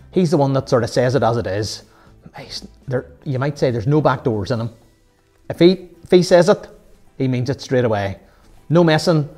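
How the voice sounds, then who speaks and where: A man tells a Bible story the way a Sunday school teacher would, stopping to ask the children questions and wander into asides. His voice sits at an ordinary middle pitch, and faint music plays softly under him.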